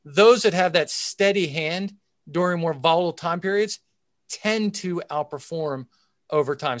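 A man's voice: fairly high pitch, fairly bright tone, no room sound, clean studio sound. A man speaking as an expert interview guest, explaining things in a methodical, emphatic way. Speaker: chief investment officer, interview guest. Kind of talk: expert market commentary in interview.

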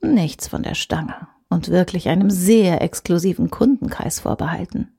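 A woman voicing a smooth, persuasive male virtual advertising avatar, speaking softly and coaxingly. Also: lowish voice, moderate pace. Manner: soft, coaxing, hushed.

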